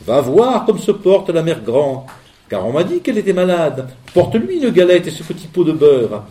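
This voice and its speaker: A man voicing a caring village mother from a fairy tale who gives slow, firm instructions. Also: a little high, very animated, mellow, echoey room, pitched above the performer's own voice. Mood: instructing. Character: caring village mother sending her daughter.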